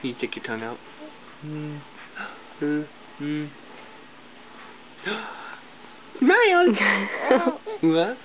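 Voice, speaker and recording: A man's voice: on the high side, a little slow, pauses often. A father coaxing his infant in gasping, sing-song baby talk, recorded on a home video. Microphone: recording phone held by the mother. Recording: tinny phone-like home video, loud noise.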